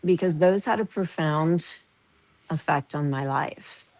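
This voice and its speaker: A woman's voice: deep voice, unhurried, darkish tone. A woman in her fifties from the American Midwest, a podcast guest telling stories animatedly and laughing through them. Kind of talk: casual storytelling.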